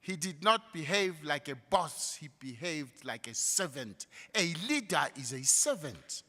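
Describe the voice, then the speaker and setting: High, bright South African man speechmaking. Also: sing-song. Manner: slow, emphatic speechmaking with a preacher-like rise. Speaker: guest speaker at a graduation. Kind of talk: graduation address. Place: large hall. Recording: reverberant hall through a PA.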